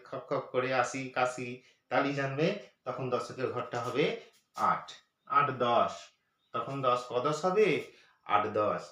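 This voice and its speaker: A man teaching children's number names as a lesson, speaking patiently and repeating each number slowly. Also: on the high side, a bit bright. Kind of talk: math lesson for parents and teachers. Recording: echoey room, voice from far off.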